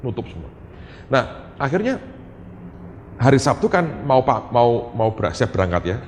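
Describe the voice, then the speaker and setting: A man's voice: medium pitch, measured pace. A middle-aged pastor delivers a conversational sermon and keeps turning to his listeners. His voice rises and falls widely as he tells his stories. The sound carries a long hall reverb over faint room noise. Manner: animated, conversational, often turns to the congregation. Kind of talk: sermon with told prayers and anecdotes. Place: church hall.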